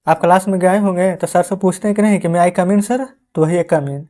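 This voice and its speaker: A man teaching English as an online tutor, who spells out words letter by letter, calls his listeners friends again and again and slows down while dictating answers. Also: sits high, steady tone, mellow. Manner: calls listeners "friends" in nearly every line.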